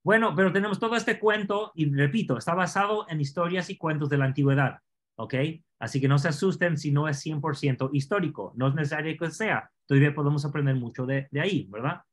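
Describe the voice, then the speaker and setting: A man teaching an online scripture class, explaining Hebrew words slowly and asking his students questions. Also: a little high.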